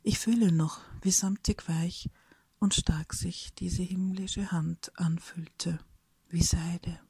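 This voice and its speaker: A woman reading a reflective personal story aloud in a soft, breathy whisper, slowly and thoughtfully. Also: fairly low pitch, steady tone, dry recording.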